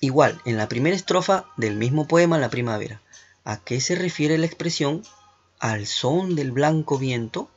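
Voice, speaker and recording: A man's voice: mid-range voice, expressive, moderate pace, husky. A man teaching an online class to schoolchildren, talking them through questions in an encouraging way. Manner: encouraging, asks many questions with tag "¿no?". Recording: dull lo-fi recording with faint music.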